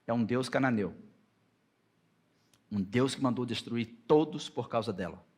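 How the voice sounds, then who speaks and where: A man with a Brazilian Portuguese accent preaching a sermon as pastor, slowing to stretch out scripture readings and climbing to loud, high passages when he quotes God and Moses. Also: animated, slightly rough.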